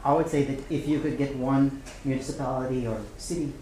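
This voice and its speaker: A man's voice: medium pitch, level tone, a little fast, dark tone, slight background noise. Direct male panelist in a very echoey room. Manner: direct, asks pointed questions. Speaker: expert panelist. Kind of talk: spontaneous advice at a live panel.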